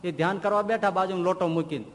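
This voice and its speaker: A man tells a sermon in a folksy, animated way. His voice sits fairly high and carries a long hall reverb. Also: fast talker. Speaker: monk preacher. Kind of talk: sermon storytelling.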